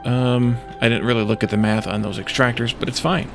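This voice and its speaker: With game music behind him, a man thinks aloud in short, musing fragments while giving casual let's play commentary. He speaks briskly in a gravelly, medium-pitched voice with fairly even intonation.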